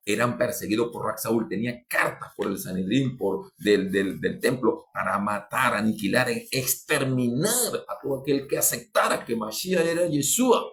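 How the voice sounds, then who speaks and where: A man delivers a fervent sermon on a podcast, his pitch and volume suddenly rising as he repeats and restarts phrases while addressing his listeners.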